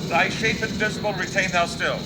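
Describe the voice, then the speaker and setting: A man's voice: high-pitched, fairly even intonation, moderate pace, close to an everyday voice. A man playing a commanding, vengeful sorcerer on stage, declaiming in archaic English. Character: commanding, vengeful male sorcerer with spirit servant. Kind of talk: live stage performance of Shakespeare. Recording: noisy live outdoor stage recording.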